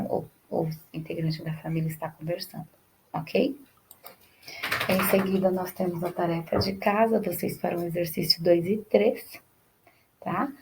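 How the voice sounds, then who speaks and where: Woman teacher, dark mellow voice. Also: on the low side, creaky, a little hiss or hum, low-quality recording. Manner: frequent checks like "tá bom?" and "né?"; explains step by step, repeating phrases. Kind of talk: remote class lesson.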